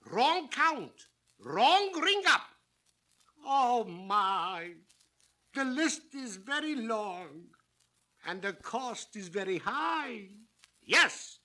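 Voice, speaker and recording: An actor playing a grandiose, sly swami fortune-teller in a scripted comic film, speaking in florid, drawn-out magic-orb incantations. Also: male voice, extremely high pitch, bright, forceful tone, exaggerated voice. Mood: dramatic, warning, then grave. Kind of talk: scripted comic monologue in a retail training film.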